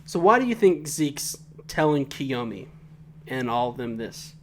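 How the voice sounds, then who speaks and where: A man's voice: mid-range voice, sing-song, unhurried, fairly bright tone, a little hiss or hum. A man co-hosting a podcast, doing a casual comedic recap with profane, teasing banter. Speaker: podcast co-host.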